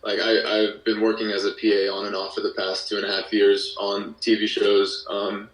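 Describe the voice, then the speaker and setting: This podcast guest, a musician who created an audio drama, speaks in a low monotone during a casual interview, hesitating, halting and hedging often. The recording is roomy and echoey, with him placed far from the mic.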